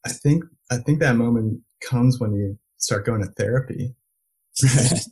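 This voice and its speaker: This guest, a man from the United States and Belgium, narrates stories conversationally in an interview, often saying "like" and restarting his thoughts. His voice is medium-pitched, darkish and slightly rough, and he speaks a little slowly.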